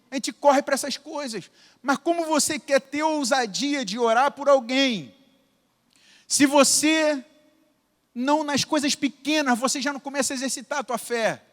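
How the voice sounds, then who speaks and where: A Brazilian man preaches a sermon full of stories in a church hall, with reverb in the sound. His voice is high, and he tells the stories in an animated way, acting out the dialogue, with a Brazilian Portuguese accent.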